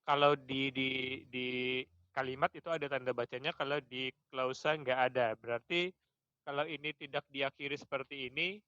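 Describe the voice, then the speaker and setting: A man leading a classroom discussion as lecturer, asking probing questions and working slowly through examples. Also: mid-range voice, steady tone, sharp tone, no room sound, dull audio. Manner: questioning, slow and deliberate with examples.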